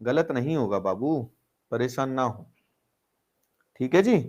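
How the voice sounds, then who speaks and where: In a dull-sounding recording, this male maths teacher speaks in a mid-range, slightly mellow voice with lively intonation and a somewhat slow pace. Teaching algebra online, he walks through each problem, asks rhetorical questions, and coaxingly presses his "brothers" to answer.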